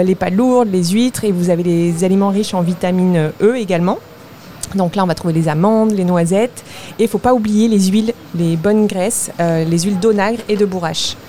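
Lower-voiced woman giving naturopathy tips. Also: dark tone, a little hiss or hum. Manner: brisk, listing advice. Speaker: naturopath guest. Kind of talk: expert advice at a live talk.

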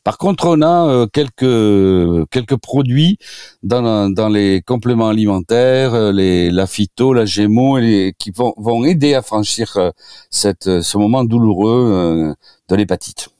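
A man speaking as a doctor on a radio show, giving informal health advice in a halting way, often repeating and restarting words. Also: fairly low pitch, warm tone, smooth, no echo, studio quality.

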